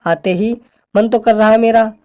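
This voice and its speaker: A woman's voice: fairly high pitch, fairly even intonation, moderate pace, warm tone, close to an everyday voice. A woman playing a bossy, complaining older mother-in-law who scolds her daughter-in-law. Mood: scolding.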